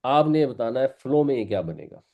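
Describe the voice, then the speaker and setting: A man's voice: medium pitch, big pitch swings, gravelly, dull audio. A man teaching a Quran class, patiently explaining pronunciation and repeating words for his students. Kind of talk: classroom lesson.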